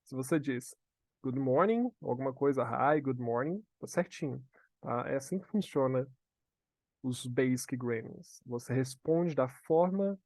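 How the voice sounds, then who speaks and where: A man with a Brazilian Portuguese accent teaching a live online English lesson. He slows down to model phrases for students to repeat and checks in often with "tá?". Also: mid-range voice, darkish tone, no echo. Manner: frequent "tá?" check-ins.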